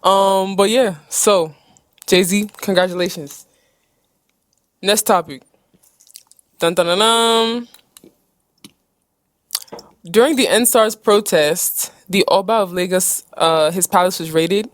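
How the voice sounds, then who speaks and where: A young woman from Nigeria hosting a podcast, chatting in a quick, playful way. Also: mid-range voice, no echo. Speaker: podcast host. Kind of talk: casual chat.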